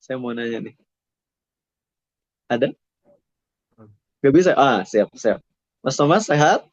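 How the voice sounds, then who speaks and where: A man's voice: mid-range voice, lively intonation, slow pace, dry recording, muffled recording. A male Islamic preacher giving a casual sermon to students, chatty and friendly, slipping English phrases into his talk.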